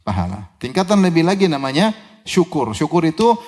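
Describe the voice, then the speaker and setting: Lively, animated male preacher. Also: a little high, a little fast. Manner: asks the audience questions and answers them himself; recites verses in Arabic, then explains them. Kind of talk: sermon.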